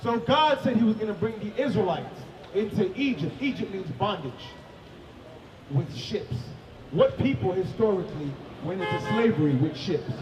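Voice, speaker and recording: A man preaching to a passerby in an emphatic, questioning way, breaking into shouts. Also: high-pitched, animated, moderate pace, background noise. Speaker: street preacher. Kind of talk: confrontational street preaching. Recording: echoey, distant mic, loud crowd.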